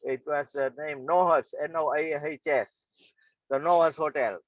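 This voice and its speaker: A man's voice: a little high, fairly even intonation, measured pace, no room sound, lo-fi sound. Hesitant man from Fiji, storytelling. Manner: hesitant, many fillers and restarts, chuckles. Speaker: guest speaker. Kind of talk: personal storytelling.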